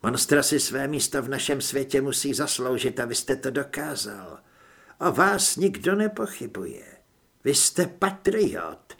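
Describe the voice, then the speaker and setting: A man voicing a cold, smiling male government official who speaks politely and with quiet menace, in a husky voice. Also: medium pitch, animated, heavily acted.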